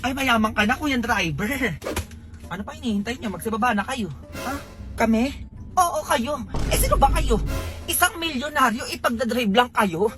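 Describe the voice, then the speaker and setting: Woman acting out a lively comedy skit. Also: fairly high pitch, normal speed. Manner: lively, bickering Tagalog banter with laughs. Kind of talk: comedy skit, playing several roles. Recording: music playing underneath.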